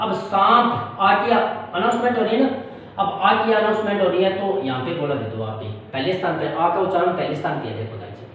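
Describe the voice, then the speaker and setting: A man's voice: high voice, fairly bright tone. A man teaching a shorthand tutorial, patient and repetitive, often checking that students understand. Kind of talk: classroom-style tutorial. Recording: echoey, distant, dull with faint hiss.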